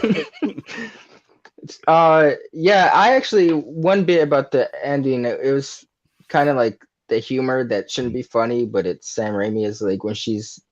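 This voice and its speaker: A man's voice: mid-range voice, measured pace, highs cut off. A man as a guest on a casual movie review podcast, laid-back and rambling, laughing often.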